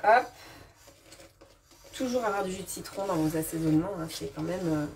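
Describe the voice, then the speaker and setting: A fairly low-pitched, slightly mellow woman talks at a normal speed while demonstrating a recipe live from her home kitchen. She chats casually with fillers and restarts and reacts to viewers' comments. Slight background noise, kitchen clatter, and clinking utensils and dishes come through a distant mic.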